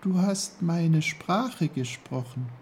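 A man voicing a small, delicate female snowdrop flower, speaking softly and hesitantly in a raised voice. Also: animated, slow, slight background noise. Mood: gentle. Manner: soft, hesitant, high-pitched.

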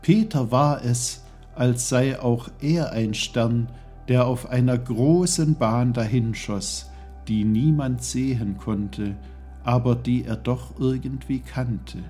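A man reading a children's story aloud as narrator, slow and gentle. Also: medium pitch, soft background music.

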